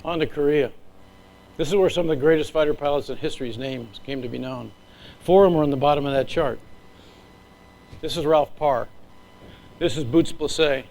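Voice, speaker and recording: A middle-aged man, an Air Force leader, gives an earnest, emotional speech from slides with measured pauses. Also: a little high, vocal fry, a little mellow, rough recording.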